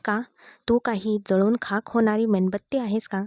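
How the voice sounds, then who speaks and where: A woman's voice: mid-range voice, steady tone, moderate pace, a little mellow, no room sound, muffled recording, close to an everyday voice. A woman reading the part of a hurt, defiant young wife who answers sharply and taunts her husband. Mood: teasing.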